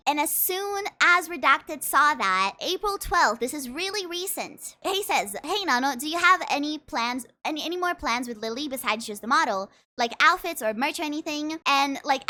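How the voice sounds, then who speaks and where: A woman's voice: sits high, sharp tone. A woman making a commentary video in a casual, earnest way, her voice shaky with emotion and her words often repeated. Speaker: commentary YouTuber.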